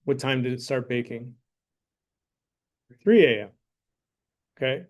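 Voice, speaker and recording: At a measured pace and medium pitch, a male math teacher delivers a classroom lesson that features a mock sponsor plug. He is jokey and conversational, repeatedly asking "right?" and "okay?" to check in.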